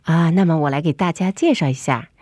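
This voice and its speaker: A woman radio host talks casually through a face mask. Her voice is low and mellow, recorded dry in a studio. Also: brisk, no room sound. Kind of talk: casual co-hosted programme talk.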